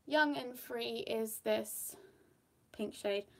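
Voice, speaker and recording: This young woman's voice is fairly high and creaky, and she draws out her words. She's a UK makeup vlogger with a slightly Australian-flavored British accent, rambling through a casual get-ready-with-me with fillers and frequent laughter.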